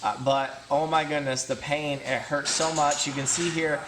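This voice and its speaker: Man, 30s, vlogger, slightly high voice, loose rambling delivery, self-deprecating, lots of ums and restarts. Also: little pitch movement, moderate pace. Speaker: vlogger and strength athlete. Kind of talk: casual talk with workout commentary.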